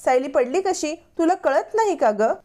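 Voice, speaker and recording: Woman narrator doing a fussy middle-aged mother-in-law, scolding, pitched a touch high, storybook retelling. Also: expressive, normal speed, dark tone. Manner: scolding, raised voice.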